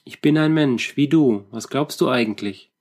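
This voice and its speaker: A man reading a storybook, voicing a poor widow who answers quietly and timidly. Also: mid-range voice, normal speed, lightly acted.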